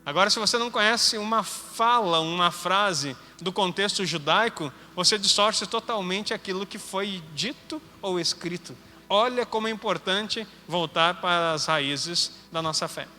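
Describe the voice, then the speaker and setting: High bright gaúcho guy preaching, chatty and joking, echoey hall w/ soft music. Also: moderate pace. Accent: Gaúcho Brazilian Portuguese. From Rio Grande do Sul, Brazil. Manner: conversational, joking asides. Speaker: apostle preaching. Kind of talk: teaching sermon. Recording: hall reverb with faint music.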